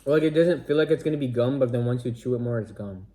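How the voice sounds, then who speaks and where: Young male vlogger, mid pitch, relaxed slangy delivery, noticeable background noise. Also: fast. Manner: laid-back, slangy, laughs often. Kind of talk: casual unboxing and snack tasting. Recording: noisy home video.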